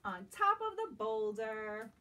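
Her voice sits on the high side, very animated and sharp, as this woman around her forties reads a picture book expressively to children, storytime-style. She slows down to ask the young listeners questions, in a small indoor room with bookshelves along the walls. Recorded on a camera mic a few metres away, there is slight background noise.

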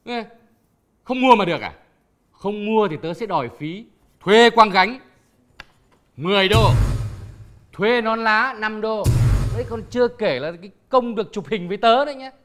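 A man's voice: high-pitched, normal speed, long pauses, fairly bright tone. A man playing a cheeky, scheming street vendor who brags and chuckles in a TV comedy. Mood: boastful. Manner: boastful, chuckling.

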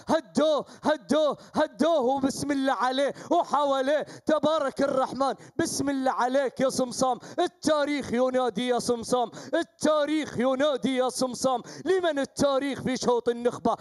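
A male commentator with a Gulf Arabic accent calls a falconry race live. His voice sits very high, and he chants names and rallying cries in repeating bursts. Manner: chanting, repetitive exclamations.

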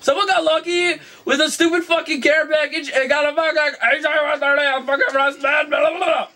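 A young man commentating on his game as a raging gamer, excitable, shouting and swearing. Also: very high-pitched, fairly quick. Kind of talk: casual gameplay commentary with raging outbursts. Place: indoor room in front of a television. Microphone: camera pointed at the TV. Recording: noisy camera recording of a TV.

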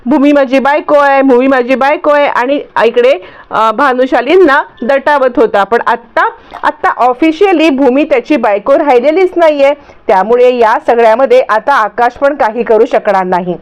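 A woman's voice: sits high, normal speed, lightly acted. A woman reading the lines of a scheming, bossy middle-aged aunt who scolds sharply. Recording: dull lo-fi recording.

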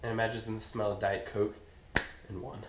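A man's voice: lowish voice, little pitch movement, moderate pace. A young adult man chatting informally and slangily to camera as a fitness vlogger. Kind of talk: casual vlog chat to camera. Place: home kitchens and a gym, indoors. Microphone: action camera at a short distance. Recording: roomy echo, clear background noise.

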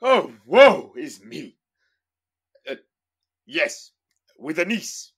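An actor playing an imperious, suspicious medieval tsar who speaks in archaic, formal phrases. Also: male voice, sits high, sing-song, very slow, gravelly, fairly bright tone, breathy edge, heavily acted. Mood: wailing. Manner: archaic formal speech, wailing laments.

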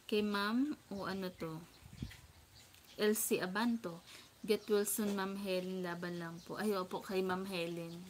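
Woman vlogger, soft and quiet, slow unhurried delivery, apologetic, reading shout-outs with birds behind her. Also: mid-range voice, fairly even intonation, a little hiss or hum. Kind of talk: casual livestream chat. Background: birdsong and outdoor ambience.

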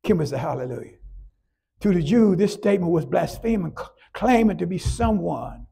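A male pastor preaching a sermon, swinging between shouted peaks and quiet asides, often repeating "praise God". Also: sits high, animated, normal speed, gravelly, breathy edge.

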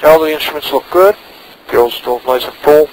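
A private pilot in a small propeller plane makes radio calls over an aviation headset, and between them he talks himself through checks in short phrases. His voice sits on the high side at a moderate pace. The cockpit intercom is noisy, with engine drone underneath.

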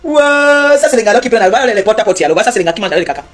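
A woman hosting a live stream, teasing her viewers and reeling off repetitive, mock-preaching blessings in a loud voice. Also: on the high side, animated, rapid-fire. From Cameroon.

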